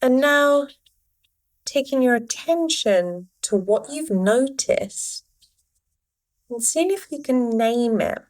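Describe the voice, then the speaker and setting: At medium pitch, a woman guides a meditation, offering gentle instructions in short phrases separated by pauses.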